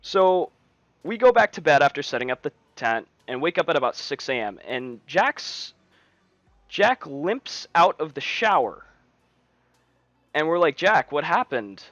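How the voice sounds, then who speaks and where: A man's voice: on the high side, sing-song, unhurried, long pauses, a bit bright, no room sound. Rambling man telling a camp story. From United States. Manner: rambling, frequent restarts and fillers. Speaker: streamer telling a story to friends. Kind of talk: casual storytelling. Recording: dull lo-fi stream mic.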